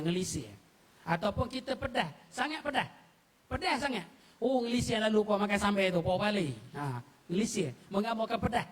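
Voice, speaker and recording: Man, very high voice, forum speaker, quizzes the crowd. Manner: quizzes the audience, chuckles often. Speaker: panel speaker on local dialect. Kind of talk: explanatory forum talk.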